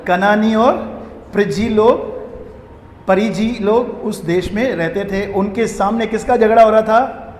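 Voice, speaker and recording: A man preaching a sermon to a congregation, animated and calling for responses. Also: high-pitched, measured pace. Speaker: pastor. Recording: echoey hall with long reverb.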